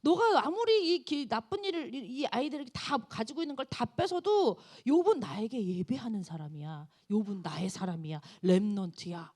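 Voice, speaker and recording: A woman preacher voicing God, speaking in a lowered, firm and assured tone. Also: expressive, moderate pace, few pauses, darkish tone. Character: God speaking calmly and proudly of a faithful man.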